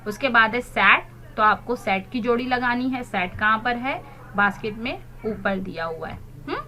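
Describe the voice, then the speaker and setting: A woman's voice: on the high side, lively intonation, measured pace, pushed and bright. A woman teaching young children, explaining in Hindi and spelling words out letter by letter. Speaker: primary school English teacher. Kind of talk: recorded online class lesson.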